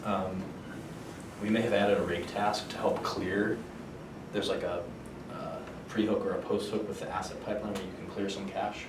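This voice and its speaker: A man giving an informal technical explanation, halting and thinking aloud as he answers questions. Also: little pitch movement. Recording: roomy, far microphone, noticeable low rumble.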